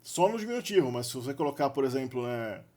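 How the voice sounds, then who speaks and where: A man's voice: medium pitch, very animated, quick pace, mellow. A man with a Brazilian Portuguese accent giving an unscripted linguistics lecture, thinking aloud with restarts and frequent question tags. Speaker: linguistics video presenter.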